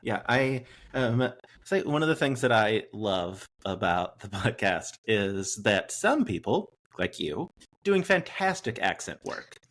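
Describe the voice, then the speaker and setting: A man's voice: lowish voice, big pitch swings, slow pace, fairly bright tone. A man hosting an interview, upbeat and chatty, laughing easily. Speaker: interviewer, host. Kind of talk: casual interview chat.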